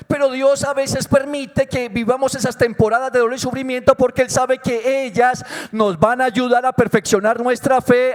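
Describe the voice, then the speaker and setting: A man preaching a sermon as pastor, moving between soft, intimate passages and loud, fervent calls, acting out quiet prayers and quoted words. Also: very high-pitched. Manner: acts out prayers and quoted dialogue in quiet tones. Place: church.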